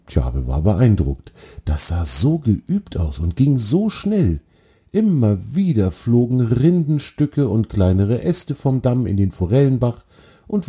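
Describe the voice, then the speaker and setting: A man reads a children's story aloud, calm and gentle. His voice is very dark and mellow with a husky, breathy grain. He lets it rise and fall with lively expression. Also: on the low side.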